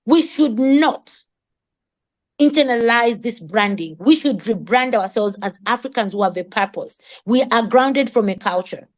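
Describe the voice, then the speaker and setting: A woman with a fairly high, animated voice gives an impassioned advocacy speech at a community summit, speaking a little slowly. English isn't her first language, and her delivery is emphatic and rhetorical, full of rhetorical questions and words repeated for emphasis.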